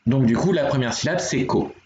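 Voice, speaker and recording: A man's voice: mid-range voice, fairly quick, darkish tone, a little hiss or hum. A man teaching Korean letters on a live stream, explaining step by step and talking to his viewers. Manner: patient, explanatory, talks to chat viewers. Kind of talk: live-streamed language lesson. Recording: dull, roomy home stream audio.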